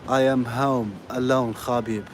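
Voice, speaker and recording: A man talks into his phone as he walks outside, rambling in a friendly way and tossing in "you know" and "bro" all the time. His voice sits at an ordinary middle pitch for a man. Street noise and passing traffic come through clearly behind him. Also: flat delivery, unhurried. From Algeria. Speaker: live streamer. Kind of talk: casual live-stream chat. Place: outdoors on a city street, walking. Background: urban ambience and vehicles.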